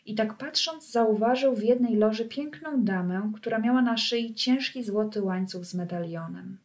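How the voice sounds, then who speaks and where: Woman narrator, children's audiobook reader, calm even storytelling. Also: fairly high pitch, normal speed. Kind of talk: reading a children's book aloud.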